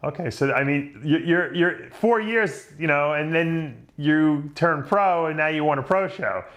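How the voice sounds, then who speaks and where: This is a middle-aged New York man hosting a casual interview, chatty and easygoing, laughing easily and restarting often. His voice is fairly high, animated, a little slow and a bit bright.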